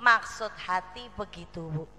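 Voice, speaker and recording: A woman with a Javanese accent giving a lively storytelling sermon about her conversion, acting out the voices of her friends as she speaks to a female audience. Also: on the low side, measured pace, in a large hall.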